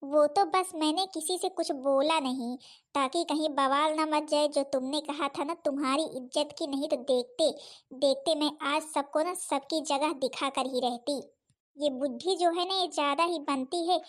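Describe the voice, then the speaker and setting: A woman's voice: high-pitched, fairly even intonation, moderate pace, natural voice. Woman playing a jealous, scheming second wife. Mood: angry. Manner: angry, boastful, sneering. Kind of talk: cartoon story voice acting.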